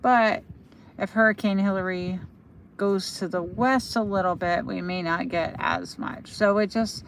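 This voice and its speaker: An American woman hosting a casual livestream outdoors, chatting in a halting way and trailing off as she goes. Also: medium pitch, steady tone, gravelly, a little hiss or hum. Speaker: livestream host for a local magazine. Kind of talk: casual live commentary answering viewer comments. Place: outdoors at night by a lake.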